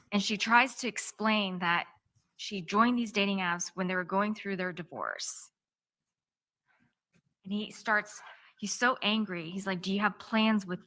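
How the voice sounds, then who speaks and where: A woman attorney speaks to a courtroom with a bright, forceful tone, walking through events one step at a time. Her delivery is measured and steady, in the present tense of an opening statement. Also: medium pitch. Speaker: defense attorney.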